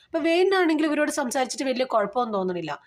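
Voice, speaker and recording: A woman with a somewhat high voice recaps a film in casual storytelling. Her delivery is chatty and flowing, chaining scene after scene. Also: very animated, very fast. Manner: chatty retelling, strings events with "then"; grows loud and urgent at tense scenes. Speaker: movie recap narrator.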